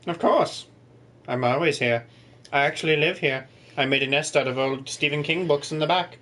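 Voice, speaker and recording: A man's voice: on the high side, normal speed, sharp tone. A man doing a snobby bookish boy bird. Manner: aloof, bored, condescending.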